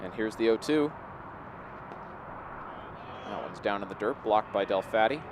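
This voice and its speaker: In this live sports commentary, a man calls baseball play-by-play with a lowish voice at a measured pace. Outdoor background noise comes through clearly behind him.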